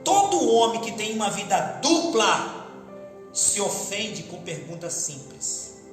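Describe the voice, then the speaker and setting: High-voiced preacher in an echoey hall. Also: male voice, sing-song, takes it slowly. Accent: Brazilian Portuguese. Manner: preaching with call-and-response, acting out voices. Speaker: pastor. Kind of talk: Pentecostal sermon. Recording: echoey hall with music behind.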